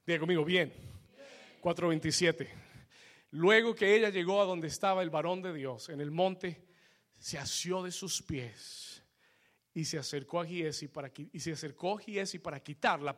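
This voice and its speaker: A male pastor preaching a fervent sermon, swelling to shouts and calling the congregation for amens. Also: fairly high pitch, normal speed.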